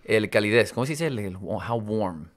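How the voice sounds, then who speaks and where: A man raised in Miami speaks as a guest on a radio show. His voice sits a little low, and his manner is relaxed and friendly as he mixes English and Spanish mid-sentence. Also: moderate pace. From United States, raised in Miami. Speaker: guest, real estate mentor. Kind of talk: bilingual casual interview.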